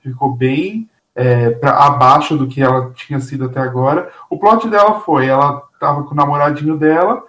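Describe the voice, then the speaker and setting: Echoey, campy Brazilian man with a highish voice. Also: moderate pace, hardly any pauses, fairly bright tone. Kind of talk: casual TV series gossip. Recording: roomy, echoey voice pickup.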